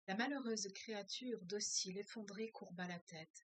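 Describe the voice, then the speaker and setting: A woman who teaches French as a foreign language reads a novel aloud, pausing to comment in hesitant, think-aloud speech packed with filler sounds. Her voice is mid-range and moderately paced, recorded with no echo.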